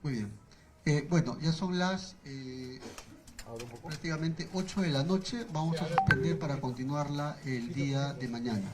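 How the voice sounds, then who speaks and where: A Peruvian judge running a courtroom session, handing out scheduling orders in a measured, procedural way with frequent hesitations. His voice is somewhat high for a man, with a faint hiss in the recording. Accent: Peruvian Spanish. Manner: procedural, hesitant with fillers, brisk rulings. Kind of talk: presiding over a court hearing.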